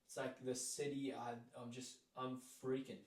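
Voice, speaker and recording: A young man from South Africa tells a rambling story as an interview guest, leaning on "like" and acting out what people said to him. His voice sits at an ordinary middle pitch. The room is echoey, and he sounds set back from the microphone. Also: little pitch movement, normal speed, darkish tone. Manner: rambling, lots of "like" fillers, acts out quoted lines. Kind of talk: casual storytelling. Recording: roomy echo, mic at a distance.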